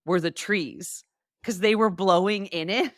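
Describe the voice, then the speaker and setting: A woman's voice: mid-range voice, measured pace, a little hiss or hum. A woman co-hosting a podcast in casual conversation, playful and full of funny asides. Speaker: podcast co-host.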